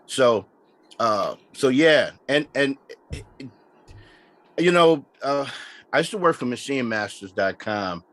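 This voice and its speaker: A man talks casually as a guest on a producers' podcast. His voice sits at an ordinary middle pitch. He circles back, restarts lines and leans on "you know what I'm saying.". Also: expressive, takes it slowly, pauses often, a bit bright. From Memphis, Tennessee, US. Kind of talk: casual podcast interview chat.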